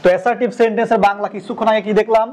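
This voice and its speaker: A man's voice: high-pitched, steady tone, very fast, a little mellow, slight background noise. A young Bangladeshi man with a Bengali accent teaching a coaching class, quizzing students and repeating their answers. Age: young adult. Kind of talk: classroom lecture.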